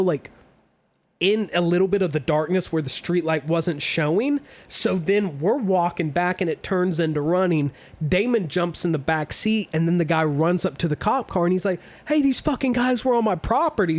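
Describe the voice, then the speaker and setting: A young man hosting a podcast, telling a story to friends in a lively, profane way and acting out what people said. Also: sits high. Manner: animated storyteller, swears a lot, acts out quotes. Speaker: podcast host. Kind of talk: casual storytelling among friends.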